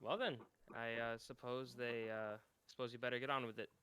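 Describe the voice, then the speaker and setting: A man voicing Rizwin, a polite, subdued adventurer woman, in his own low voice. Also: steady tone, fairly quick, fairly bright tone, clean tone, close to an everyday voice. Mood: somber.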